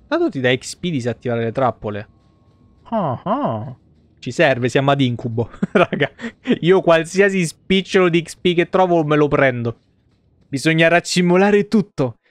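A man in his thirties streams a game from a small home setup, commenting live in crude slang and swearing freely. His voice sits a little high with a sing-song lilt at a moderate pace, recorded dry, with game music playing behind him.

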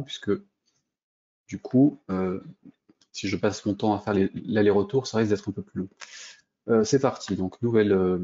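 A man's voice: fairly low pitch, dark tone, lo-fi sound. A French man giving a screen-recorded coding lesson, thinking aloud with many fillers and restarts as he clicks through steps. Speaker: programming instructor.

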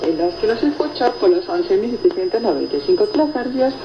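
Brisk and mid-pitched with big swings in intonation, this woman hosts a radio program, going through listener reports and answering them in a chatty presenting way. Shortwave reception makes it muffled and echoey under loud static.

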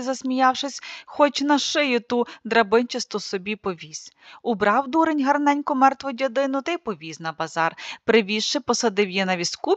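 A woman narrating a classic folk tale as an audiobook, with a lively expressive reading. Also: fairly high pitch, no echo. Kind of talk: storytelling narration. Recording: dry, slightly muffled studio read.

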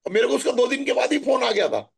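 A middle-aged man from Maharashtra telling stories in a chatty, animated way during a spiritual talk. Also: very high voice, quick pace, creaky, slightly rough. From Maharashtra, India. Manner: chatty, animated storytelling with asides. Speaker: spiritual guest answering questions.

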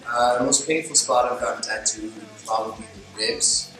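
A man's voice: medium pitch, moderate pace, bright, forceful tone. A twenty-two-year-old man speaking matter-of-factly in a seated interview. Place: studio with gray backdrop. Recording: very echoey, mic off at a distance, music bed.

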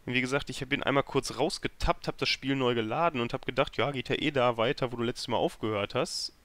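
A man hosts a let's play, grumbling and poking fun at himself in casual game commentary into a mic. His mid-range voice is a little bright and quick, and the recording sounds dry.

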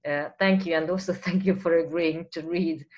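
A woman whose first language is Hungarian, hosting an online poetry reading and thanking the poets in a halting way with many restarts. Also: low voice, fairly even intonation, a little mellow, slight background noise. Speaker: event host and curator. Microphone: video call. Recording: muffled lo-fi call audio.

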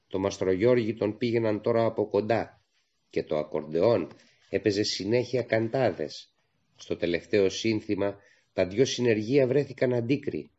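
A man narrating a literary audiobook in a steady, measured storytelling manner, on a dull lo-fi recording. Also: fairly low pitch.

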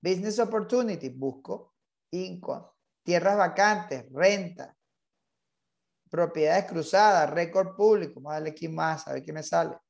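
A man's voice: fairly high pitch, a little slow, creaky. A man leading an online real estate training class, insistent and repetitive, mixing English terms into his Spanish.

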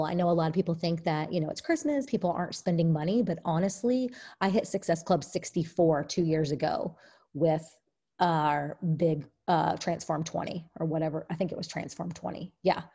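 Chatty low-voiced woman coaching on a call. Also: normal speed, warm tone, husky. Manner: chatty, upbeat, many fillers. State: out of breath. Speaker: team coach leading a training call. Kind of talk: casual online training call. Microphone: video call.

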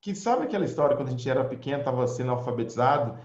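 A man from Brazil teaching English in an online class, switching between Portuguese and English and slowing down for example sentences. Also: medium pitch. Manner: lively, drills words for repetition, slows down for examples. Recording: echoey, dull lo-fi audio.

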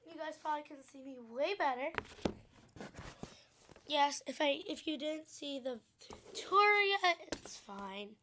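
Young girl, high voice, slow, chatty, home camera vlog. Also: expressive, pushed and bright, a little hiss or hum. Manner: chatty and giggly, quick to apologize. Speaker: vlogger. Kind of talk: casual food vlog. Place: home, indoors.

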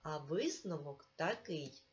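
A woman's voice: deep voice, lively intonation. A woman teaching a remote lesson to young children, patient and encouraging and speaking straight to the pupil. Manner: slow, patient, encouraging, addresses the pupil directly. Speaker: primary school teacher. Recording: dull lo-fi recording.

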